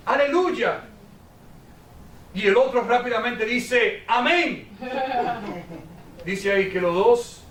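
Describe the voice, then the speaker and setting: A man's voice: sits high, reverberant. Male pastor mid-sermon, captured from a distance with faint background noise, questioning and earnest. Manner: preaching with rhetorical questions, ending quietly and intensely. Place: church sanctuary.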